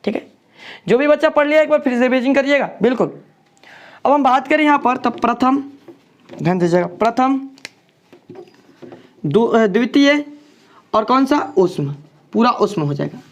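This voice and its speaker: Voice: medium pitch, expressive, normal speed, pauses often. A teacher giving a grammar lesson, drilling points with repeated questions and frequent checks for understanding. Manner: repetitive, drills with questions and "ठीक है".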